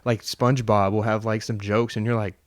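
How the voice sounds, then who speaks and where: A man in his twenties hosting a casual podcast chat, relaxed and slangy, often saying "dude" and "man". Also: fairly low pitch, brisk, no echo, clean studio sound. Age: 20s. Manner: laid-back, peppers speech with "dude" and "man".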